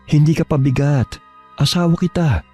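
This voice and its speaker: A man plays a caring young husband who speaks gently and reassuringly. His voice is mellow and warm, at a middle pitch. A faint music bed plays behind. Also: moderate pace, close to an everyday voice. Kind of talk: radio drama acting.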